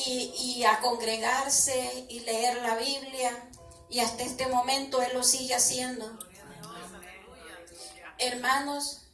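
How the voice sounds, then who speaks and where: A woman's voice: fairly high pitch, fairly bright tone. A woman giving a personal religious testimony to a congregation, retelling conversations and repeatedly addressing her listeners as brothers. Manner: retells dialogue, repeating "I told him" after each phrase. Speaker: church member giving testimony. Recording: echoey room, voice far from the mic, faint music.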